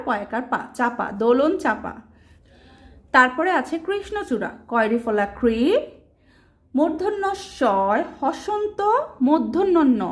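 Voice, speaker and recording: A woman teaching a primary school language lesson, asking questions and answering them herself, spelling words out letter by letter. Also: high-pitched. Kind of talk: explaining a children's textbook lesson.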